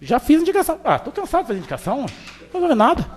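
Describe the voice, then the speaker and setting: A man's voice: very high voice, huge pitch swings, rapid-fire, noisy background. A man, a town councilman giving an indignant, emphatic floor speech in the council chamber. He repeats his points over and over.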